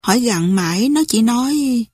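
A woman voicing an older male guerrilla comrade who talks bluntly and roughly. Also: a little high, animated, moderate pace, a little mellow, no room sound, studio quality. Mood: troubled.

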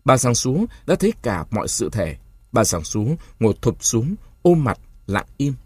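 A man narrating a novel as an audiobook, in an expressive, dramatic storytelling manner. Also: medium pitch, moderate pace, slightly rough, dry recording.

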